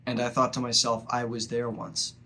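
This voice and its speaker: A young vlogger gives a personal, reflective monologue, speaking slowly and earnestly while pausing often to find his words. A cold has blocked his nose, and his pitch stays flat and steady over a faint recording hiss.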